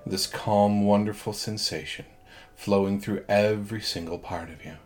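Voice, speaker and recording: A man guiding a hypnosis relaxation induction in a soothing, measured way, leaving long pauses between phrases. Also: fairly low pitch, fairly even intonation, slight background noise. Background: background music.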